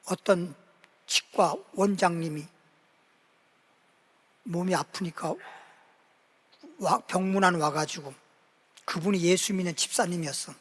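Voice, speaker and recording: A male pastor delivers a Sunday sermon as a story, voicing the people in it with animation. His voice sits high, and the church hall gives it a long, ringing reverb. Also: measured pace, pauses often, fairly bright tone. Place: church sanctuary.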